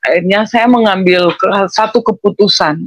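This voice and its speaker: A woman's voice: mid-range voice, moderate pace, poor audio. A woman giving a casual personal testimony, rambling and often correcting herself as she acts out talks with her family. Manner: rambling, with frequent self-corrections and restarts; acts out quoted dialogue with family.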